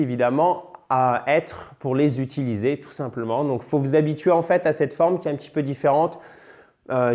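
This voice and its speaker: A man with French as his first language, giving a casual, lively online English lesson and switching between French and English examples. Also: on the high side. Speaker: English teacher.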